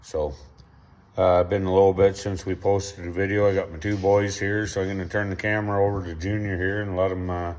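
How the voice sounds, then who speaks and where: A sore-throated, middle-aged man talks through a garage repair at home, his son holding the camera. His voice sits low and darkish, level in tone and a little fast, with reverberant sound, as he rambles casually and folksily with many fillers.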